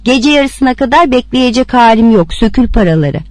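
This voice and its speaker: A woman's voice: a little high, lively intonation, normal speed, darkish tone, no echo, natural voice. A woman voicing a brash, streetwise woman who threatens and swears coarsely in a read-aloud story. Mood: threatening. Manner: rough, threatening, crude.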